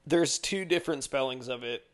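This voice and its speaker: A man's voice: mid-range voice, moderate pace, a crowd in the background. A man co-hosting a casual chat, teasing and sarcastic. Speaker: podcast co-host.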